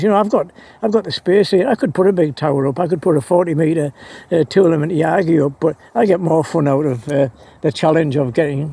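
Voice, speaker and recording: A man who vlogs about amateur radio speaks in a highish, gravelly, mellow, slightly rough voice. He chats about his hobby with casual enthusiasm, hesitating often and repeating words.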